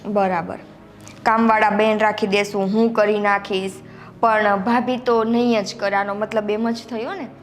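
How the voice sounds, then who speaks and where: A woman's voice: mid-range voice, little pitch movement, measured pace, faint music behind, natural voice. A young woman playing a fed-up, overworked younger daughter-in-law who complains sharply. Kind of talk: family drama acting.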